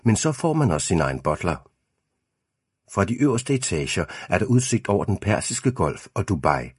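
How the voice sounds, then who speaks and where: A man narrates an audiobook in a steady, measured way. His voice sits very low and has a husky edge. The recording is close and dry, with no room sound. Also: dry recording. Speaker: audiobook reader. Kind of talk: scripted first-person audiobook narration.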